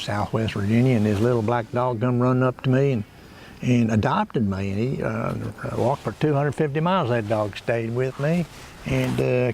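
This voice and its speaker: A man's voice: mid-range voice, creaky, a little mellow, a little hiss or hum, close to an everyday voice. A man playing a folksy, cranky backwoods character, rambling through a comic monologue outdoors by the water. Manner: meandering, folksy, chuckling to himself. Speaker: comedy monologue host.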